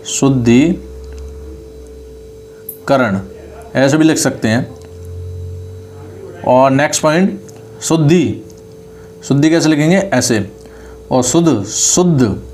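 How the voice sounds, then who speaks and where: A man teaching a spelling lesson online, saying each word over and slowly correcting it. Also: mid-range voice, a little mellow, a little hiss or hum. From India. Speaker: online exam-prep Hindi teacher.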